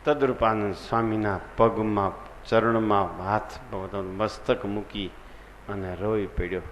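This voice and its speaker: Slow, low-voiced preacher. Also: male voice, steady tone. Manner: earnest storytelling, acting out the people in his story. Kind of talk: devotional sermon with storytelling. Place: large assembly hall. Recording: long hall reverb, faint background noise.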